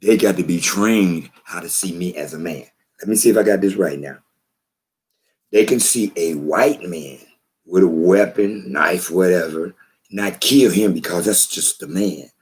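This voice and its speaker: A man with a very low voice speaks slowly and deliberately to the camera. He talks in a preachy, emphatic way and keeps repeating phrases to drive the point home. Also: darkish tone. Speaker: vlogger. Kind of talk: slow spoken commentary to camera.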